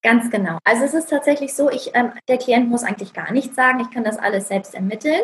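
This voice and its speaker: A woman's voice: fairly high pitch, quick pace, rough recording. A woman talking in an interview about her healing practice, explaining eagerly, with many fillers and tag questions. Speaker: energy healing practitioner, guest. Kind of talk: conversational interview.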